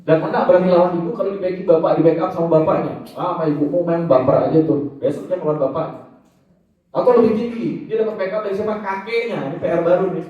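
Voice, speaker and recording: A male Islamic preacher giving a lively, joking religious study talk, calling out to his listeners as he speaks. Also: sits high, fast. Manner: animated, joking, addresses audience as Pak and Bu. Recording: echoey hall, distant, dull sound.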